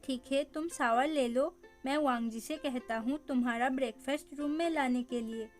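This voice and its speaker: Woman reading a gentle older brother. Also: high voice, moderate pace, soft background music, lightly acted. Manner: read plainly in the narrator's own voice.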